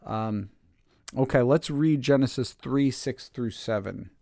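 Halting man leading a Bible chat. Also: medium pitch, vocal fry, darkish tone, dry recording, studio quality. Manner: thoughtful, halting, many fillers. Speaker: Bible study podcast host. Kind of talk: casual Bible study discussion.

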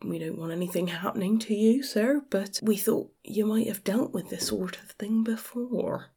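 A woman's voice: mid-range voice, normal speed, warm tone, husky. A woman playing a tabletop role-playing game, giggling and dropping into whispers when speaking in character. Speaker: player.

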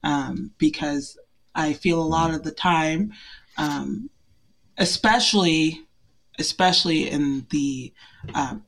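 A woman's voice: sits low, takes it slowly, pauses often. A woman from Portland, Oregon, chatting as an interview guest in a bubbly, giggly, self-deprecating way. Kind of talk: casual interview chat.

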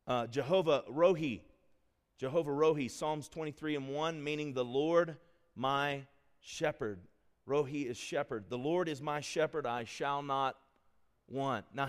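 A man's voice: medium pitch, big-room sound. A man, a pastor, preaching a sermon in a church sanctuary, quizzing his congregation as he goes.

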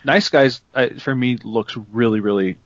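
A dry, slightly muffled recording of a man with a mid-range voice. He gives his take in a relaxed group chat. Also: mid-range voice, normal speed, no room sound. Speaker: podcast panelist. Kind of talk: casual movie chat with friends. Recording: dry but dull lo-fi sound.

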